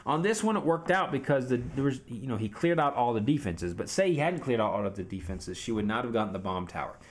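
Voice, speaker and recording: A man talking through a strategy game replay in a relaxed, chatty way. He coaches viewers and talks straight to them. His voice sits at an ordinary middle pitch. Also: fast. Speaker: video game commentator. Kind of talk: casual gameplay recap commentary.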